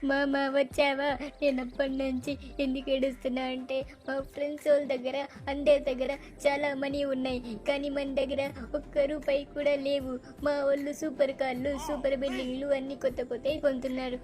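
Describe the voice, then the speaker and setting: A woman's voice: high voice, flat delivery, fairly quick, darkish tone, natural voice. A woman voicing a whiny, pleading little boy in a game dub. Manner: whining, begging, sulky.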